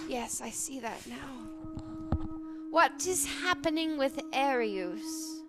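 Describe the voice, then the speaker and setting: Mystical fortune teller and time goddess, female, played by a game master: high, measured, formal, music behind. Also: expressive, exaggerated voice. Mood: grave, stately. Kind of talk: in-character tabletop role-play.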